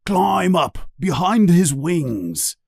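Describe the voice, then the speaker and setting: A man reading the lines of a big, kindly male giant teacher, who gives slow, coaxing instructions. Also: sits high, sing-song, creaky, darkish tone, slightly rough, no room sound, studio quality, pitched above the performer's own voice, full character voice.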